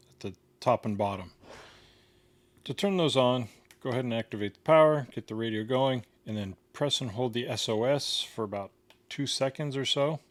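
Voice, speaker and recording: A man reviewing a gadget walks through a casual, hands-on tutorial in a plain, step-by-step way. His voice is medium-pitched, with no echo.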